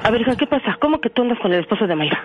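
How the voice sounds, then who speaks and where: A woman's voice: on the high side, sing-song, rapid-fire, dull audio, noisy background. A middle-aged woman, talking on a radio prank call with insistent, emotional questions. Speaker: prank call victim, caller's mother. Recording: radio broadcast over phone with music.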